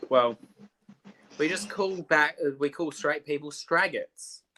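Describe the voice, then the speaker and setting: A young man hosting a casual makeup livestream, chatty and animated, quick to laugh. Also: on the high side.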